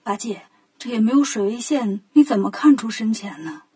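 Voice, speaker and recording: A woman voicing a timid, tearful male monk master in a children's story, speaking softly and fretfully. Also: on the high side, lively intonation, normal speed, breathy edge. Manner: soft, fretful, gentle.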